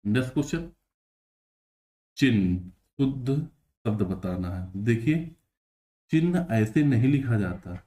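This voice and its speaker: A man walks students through spelling questions one by one. He explains each answer patiently and repeats the words slowly. At times he stretches them out syllable by syllable. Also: medium pitch, lively intonation, warm tone. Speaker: teacher. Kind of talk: exam-prep spelling lesson.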